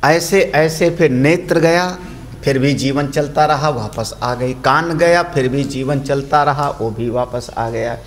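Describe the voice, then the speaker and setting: A man's voice: medium pitch, slow pace, a little hiss or hum. An older man, a swami, giving a storytelling commentary on scripture and explaining Sanskrit phrases.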